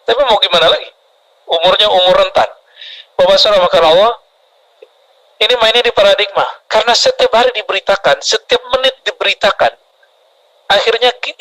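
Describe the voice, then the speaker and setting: A man preaching a sermon to a congregation, lively and often putting questions to the audience. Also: high voice, rough recording. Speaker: Islamic preacher.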